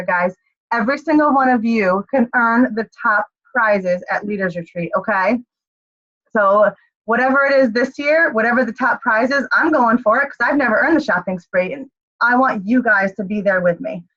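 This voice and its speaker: A woman's voice: fairly high pitch, fairly bright tone, lo-fi sound. A woman leading her team on a group call, upbeat and rallying, checking in often with "okay?". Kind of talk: motivational group call talk.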